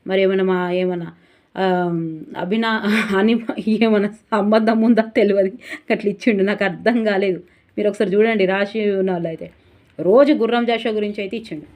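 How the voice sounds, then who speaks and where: A woman's voice: mid-range voice, steady tone, fairly quick, a little mellow. Woman drilling exam memory tricks. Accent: Telangana Telugu. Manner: repeats key words in sing-song drills. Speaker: exam tutor.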